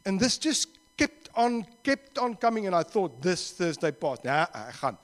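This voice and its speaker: A man with a South African accent preaching a sermon, telling stories in an animated way and slipping Afrikaans phrases in. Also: high voice, measured pace, long reverb tail. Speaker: pastor. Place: church hall.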